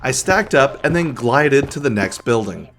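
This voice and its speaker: A man's voice: mid-range voice, expressive, normal speed. Chatty man narrating his gameplay. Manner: chatty, drops to a hushed whisper when sneaking. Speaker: gaming YouTuber. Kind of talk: casual gameplay commentary and narration. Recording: faint music underneath.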